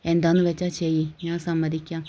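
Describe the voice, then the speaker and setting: A storyteller reading the lines of a tired, firm middle-aged husband in a storybook, in a flat, level voice. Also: medium pitch, fairly quick, slight background noise, natural voice. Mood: weary. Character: weary middle-aged husband refusing to remarry.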